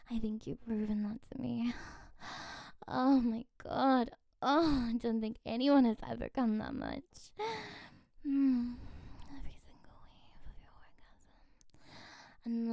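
A woman plays a flirtatious, coaxing friend in an intimate ASMR role-play, right in your ear. Her voice is mellow and fairly high, slipping between soft breathy speech and soft voice. She takes her time, with a creaky edge to her words. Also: no echo. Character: flirtatious, coaxing female friend on a late call.

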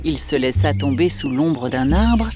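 Lady reading a kids fable, lowish voice, loud music under it. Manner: expressive, measured storytelling. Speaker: storyteller. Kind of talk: scripted fable narration.

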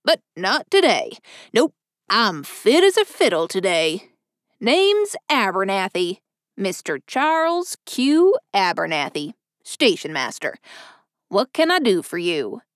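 A woman's voice: mid-range voice, big pitch swings, slow, no echo, studio quality. A woman voicing a chatty old male station master who rambles in a folksy way. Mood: cheerful.

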